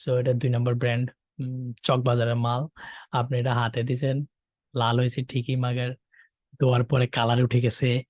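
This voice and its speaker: A man's voice: mid-range voice, normal speed, dry recording, studio quality. Joking male teacher. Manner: joking, animated, keeps checking with listeners. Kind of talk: online exam-prep lesson.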